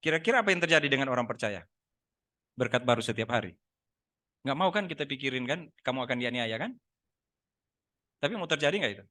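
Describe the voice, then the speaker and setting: A man's voice: medium pitch, animated, fast talker, pauses often, sharp tone. A man preaching a Sunday sermon in church, talking with the congregation and teasing them with questions. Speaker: pastor. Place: church service.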